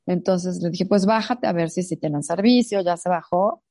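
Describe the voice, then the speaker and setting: Mellow-voiced woman telling stories. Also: on the low side, normal speed, no echo, studio quality. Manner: animated storytelling, acts out quoted voices. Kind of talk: casual chat.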